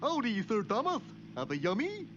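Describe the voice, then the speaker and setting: A dopey, good-natured cartoon moose with a goofy folksy drawl, his voice high and bouncing all over. He sounds like a very hissy, dull old cartoon track. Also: huge pitch swings, normal speed, exaggerated voice. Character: dim-witted friendly cartoon moose, adult male.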